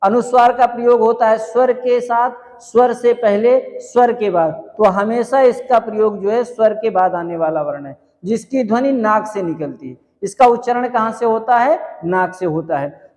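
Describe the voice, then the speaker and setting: A male teacher giving an exam-prep grammar lecture, asking questions and answering them himself and repeating key points slowly. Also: very high-pitched, darkish tone, in a large hall. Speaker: Hindi teacher.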